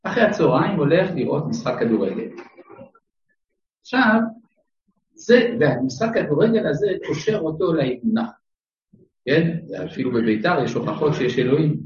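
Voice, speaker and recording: A man's voice: a little high, expressive, pauses often, a little mellow. A man teaching a Torah class to a live audience, questioning his listeners directly and adding dry humorous asides. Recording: echoey room, mic far off, dull sound.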